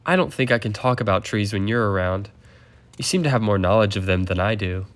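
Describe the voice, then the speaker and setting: A man voicing a bright green male engine who is earnest and literal and recites facts, in a fan audio drama. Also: lowish voice, brisk, close to an everyday voice. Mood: hurt.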